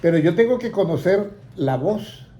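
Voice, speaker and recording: A man's voice: high voice, expressive, normal speed, dark tone. A man leading a Bible lesson for a small indoor group, asking questions and leaving his sentences open for listeners to complete. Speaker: Bible teacher.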